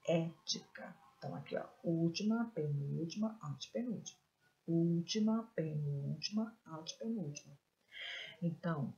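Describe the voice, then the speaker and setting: A woman teacher with a Brazilian Portuguese accent, giving a recorded video lesson to young pupils, slow and emphatic, sounding out stressed syllables. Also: low-pitched, mellow, highs cut off. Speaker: primary school teacher.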